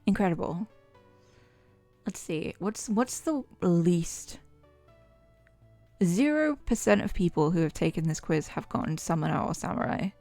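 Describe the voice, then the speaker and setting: A woman's voice: lowish voice, expressive, unhurried, pauses often, mellow, soft background music. A young woman streaming, chatting casually and reading quiz answers aloud with dramatic flair. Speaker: VTuber streamer. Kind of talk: casual chat.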